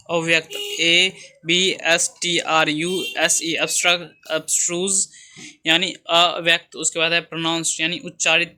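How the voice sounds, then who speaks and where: A man teaching exam vocabulary, reading each word, spelling it out letter by letter and repeating its meaning in a steady way. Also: on the high side, clean tone.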